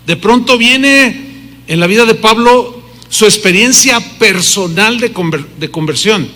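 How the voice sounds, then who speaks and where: Middle-aged male pastor, high bright voice, emphatic sermon with audience questions, church hall reverb. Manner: emphatic preaching, rhetorical questions to the congregation.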